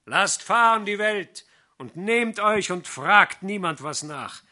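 A man's voice: sits high, animated, slow, pitched above the performer's own voice, exaggerated voice. A man voicing a boisterous, coaxing vagrant fiddler in an audiobook reading. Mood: jovial. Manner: loud, coaxing, exuberant. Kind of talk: audiobook character voice.

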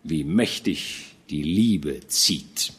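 A man reading a veteran army commander who speaks to a young knight in a warm, fatherly, measured way. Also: rumbling low, expressive, slightly rough, voice pushed down, full character voice. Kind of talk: audiobook character reading.

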